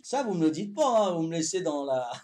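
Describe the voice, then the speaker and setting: A man in his fifties with a Corsican accent, chatting calmly to his viewers during a live game stream, tagging his sentences with "hein" and repeating himself. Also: a little high. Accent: Corsican French. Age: 50s. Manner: calm, unhurried, talks to chat while playing.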